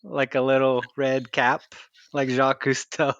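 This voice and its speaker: A man's voice: medium pitch, flat delivery, measured pace, fairly bright tone, dry recording. Playful man host on a dull line. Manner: playful, joking, curious. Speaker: podcast host. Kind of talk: casual interview chat.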